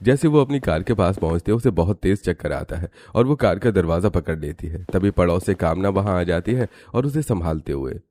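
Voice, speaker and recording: A man narrating an animated cartoon story in a steady storytelling manner. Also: sits low, fairly quick, hardly any pauses.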